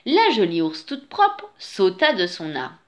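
Slow, sing-song woman reading a children's story. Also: lowish voice. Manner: expressive, sing-song, repetitive phrasing.

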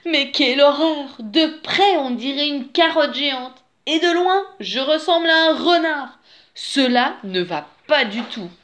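A woman's voice: lively intonation, slow, few pauses. A woman voicing a big, fussy male wolf who keeps exclaiming in exasperation. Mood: exasperated. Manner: exasperated exclaiming, high and loud.

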